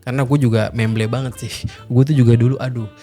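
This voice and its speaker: A man's voice: medium pitch, quick pace. A man hosting a casual commentary, blunt and mocking in manner. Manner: blunt, mocking, animated slang-heavy talk. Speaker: host. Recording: faint music underneath.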